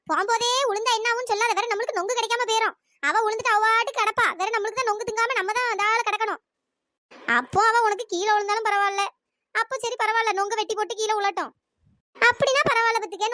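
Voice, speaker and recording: A voice actor playing chattering village women in a cartoon, nagging and teasing. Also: female voice, pushed and bright, no room sound. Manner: nagging, teasing, shrill calls. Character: bickering, greedy village women after palm fruit. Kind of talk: cartoon voice acting.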